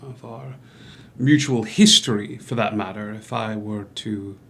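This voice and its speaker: Reading for a new-in-town doctor, this actor gives the gentleman a formal, halting, old-fashioned courtesy that feels deferential and quietly ingratiating. The voice is lowish and holds a steady tone throughout the theatrical table read.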